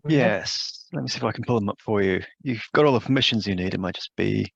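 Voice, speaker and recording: A man moderates a session over a video call, brisk and helpful. His low voice is gravelly, and the lo-fi call audio sounds dull and dry. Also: no room sound.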